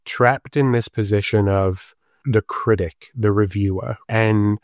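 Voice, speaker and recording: A man from Liverpool, England, guesting on a conversational podcast, talks animatedly and makes fun of himself; he's an urban planner and improv comedian. His voice is on the low side, his intonation fairly even and his pace slow. The studio sound is clean, with no echo.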